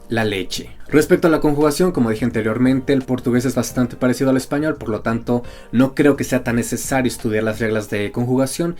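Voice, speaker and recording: Man explaining Portuguese sounds. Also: mid-range voice. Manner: slowly sounds out letters and example words. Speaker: language teacher on a video channel. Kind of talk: scripted educational narration.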